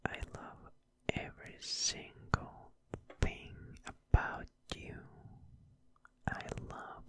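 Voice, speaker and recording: A man in his twenties in a whispered role-play as a loving boyfriend, breathy, tender and intimate, close to the microphone. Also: sharp tone. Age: 20s. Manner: slow, tender, repetitive, intimate. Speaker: ASMR performer. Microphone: close studio microphone, headphones on.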